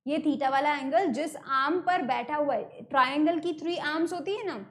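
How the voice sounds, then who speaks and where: Speaking at normal speed in a high voice, this Indian woman walks through an online math lesson one step at a time. She keeps repeating the important terms and slips English words into her Hindi.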